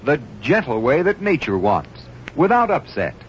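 A chipper male announcer selling in a 1950s radio ad. His polished, reassuring pitch swings up and down in a lively way, on a muffled old broadcast with faint noise. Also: moderate pace.

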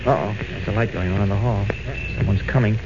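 An actor playing a polite, meek young reporter doing detective work in a 1940s radio serial, often thinking aloud. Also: male voice, fairly low pitch, fairly even intonation, fast talker, natural voice. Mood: musing. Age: young adult. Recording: muffled, noisy old radio recording.

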